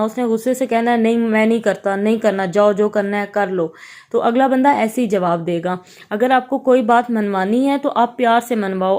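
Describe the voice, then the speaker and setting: Young woman, Pakistani Urdu accent, slightly high voice; earnest, repetitive vlog advice in a casual tone. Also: a little mellow. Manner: earnest, repetitive advising with everyday English words mixed in. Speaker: vlogger giving family advice. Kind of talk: casual advice talk to camera.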